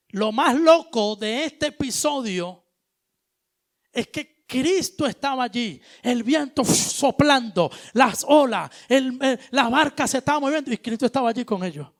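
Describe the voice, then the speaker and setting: A male preacher giving an animated sermon, moving between loud exhortation and hushed asides, with casual slang. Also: very high-pitched, measured pace. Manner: colloquial, uses street slang.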